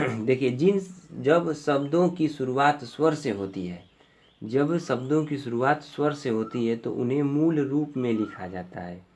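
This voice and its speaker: A man's voice: mid-range voice, unhurried, darkish tone. A male teacher giving an exam-prep grammar lesson, explaining step by step and often repeating himself with fillers.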